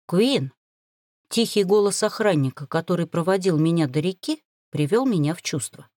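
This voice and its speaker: A woman narrating a first-person novel in an expressive, dramatic reading. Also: lowish voice, brisk, no room sound, clean studio sound. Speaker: audiobook narrator.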